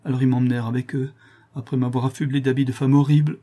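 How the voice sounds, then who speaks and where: A man's voice: medium pitch, little pitch movement, fast talker, dark tone, voice pushed up, natural voice. A man reading aloud and voicing a distraught young nun, broken and ashamed, with anguished, pleading speech.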